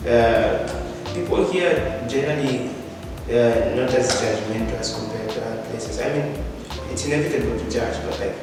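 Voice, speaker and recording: A young man in his late teens from Zambia, a student speaking thoughtfully and hesitantly, with frequent pauses. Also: mid-range voice, music in the background. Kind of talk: casual Q&A chat. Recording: echoey hall from far off.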